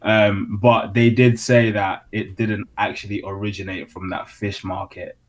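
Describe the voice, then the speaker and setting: A man's voice: on the low side, level tone, unhurried. A man, hosting a podcast with casual, slangy banter. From Zimbabwe. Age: 20s. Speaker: podcast host.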